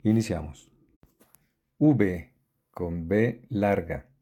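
A man reading a list of words with their definitions, slowly and methodically spelling out letters and accent marks. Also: sits low, mellow. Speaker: word list reader. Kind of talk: slow dictionary-style reading.

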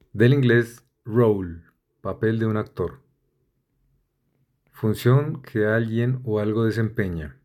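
Brief: male reader, low voice, unhurried pace, methodical dictionary-style delivery. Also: warm tone. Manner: spells out letters and lists synonyms methodically. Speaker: vocabulary reader. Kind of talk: slow, deliberate dictionary reading.

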